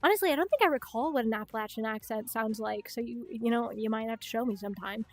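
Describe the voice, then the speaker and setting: Late at night in a hot bedroom at home, a young woman hosts a livestream, chatting quickly and swearing freely. Her voice sits on the high side, with a Chicago-style Midwestern accent from growing up in Minnesota and South Dakota.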